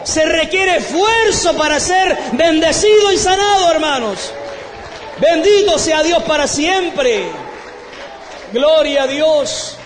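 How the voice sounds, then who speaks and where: A man preaching a fervent sermon as pastor, with a Chilean accent, often breaking into shouted praise. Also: very high voice, slow, big-room sound, some chatter behind, slight background noise. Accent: Chilean Spanish.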